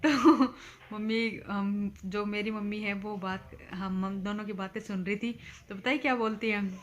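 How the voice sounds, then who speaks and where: A woman's voice: mid-range voice, fairly even intonation, a little slow. A woman vlogging about her day at home, talking chattily to her viewers and coaxing her small child. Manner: chatty, addresses viewers directly; coaxing, playful when talking to her toddler. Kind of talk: casual daily home vlog narration. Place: family home.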